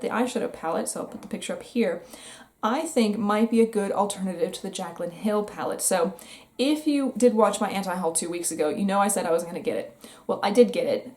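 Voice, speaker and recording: A woman's voice: mid-range voice, warm tone. A young American woman chatting casually and candidly about new makeup releases, with wry asides. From United States. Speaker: beauty vlogger. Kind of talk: casual makeup review chat.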